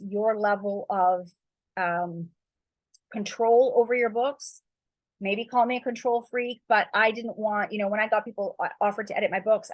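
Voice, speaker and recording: Speaking in a mid-range voice on a dry recording, a woman writer offers relaxed, encouraging tips on writing. Her talk wanders, heavy with fillers like "like" and "you know" and laced with spiritual phrasing.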